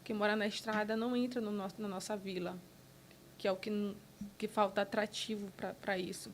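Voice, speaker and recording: A Brazilian woman appears as a podcast guest in a casual interview, speaking earnestly at a mid pitch with a level tone. She talks in short, halting bursts and keeps restarting sentences. A faint rumble runs beneath the recording.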